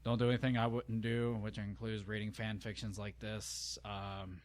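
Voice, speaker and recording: A man's voice: fairly low pitch, level tone, moderate pace. A young man giving a dramatic reading of fan fiction, breaking off with groaning, exasperated asides and stumbling over words.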